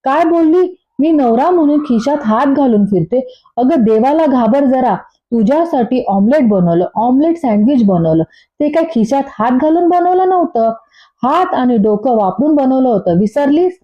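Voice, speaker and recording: A woman's voice: high voice, expressive, normal speed. A woman voicing an irritable young husband who scolds and defends himself. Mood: scolding. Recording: dull lo-fi recording.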